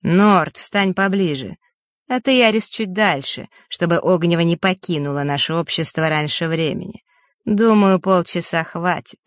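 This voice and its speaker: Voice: mid-range voice, normal speed, no room sound, close to an everyday voice. Audiobook: reader voicing a smug teen boy, mock-polite sneer, dry close sound. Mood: commanding. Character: smug scheming teenage boy, mock-caring. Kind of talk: audiobook character reading.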